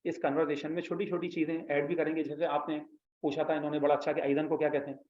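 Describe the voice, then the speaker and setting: A man's voice: a little high, little pitch movement, quick pace, a little mellow, slight background noise. Patient male Arabic teacher in echoey classroom. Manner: patient, explanatory, prompts students to repeat. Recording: echoey room, slightly dull sound.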